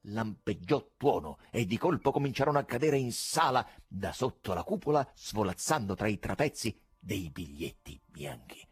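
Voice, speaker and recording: A man narrating an audiobook in a measured, dramatic storytelling manner, with a husky voice. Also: on the low side, big pitch swings, no room sound, clean studio sound. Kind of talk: scripted narration.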